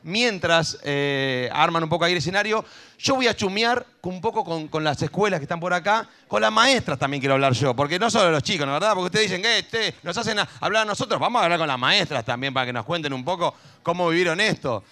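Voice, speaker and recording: A man hosting a school event on stage, chatting and joking with teachers and kids, cheering one moment and dropping into low asides the next. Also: expressive, quick pace, pushed and bright. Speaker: event host.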